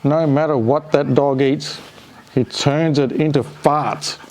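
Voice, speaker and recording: A storyteller reads a picture book to a dog, performing the children's story expressively and tossing playful, chatty asides to the pet. His fairly high voice is steady and slow, against a noisy background.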